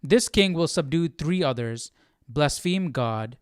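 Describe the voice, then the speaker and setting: Slow-paced yet animated, a man with a fairly high, smooth voice leads an informal Bible study on livestream, thinking out loud as he goes. The recording is dry and studio quality.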